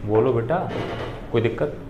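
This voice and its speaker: A man's voice: mid-range voice, normal speed, roomy sound, phone-quality sound, noisy background. A man teaching a live maths class, patiently walking students through each step and repeating key points. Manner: patient, calls students 'beta', repeats steps.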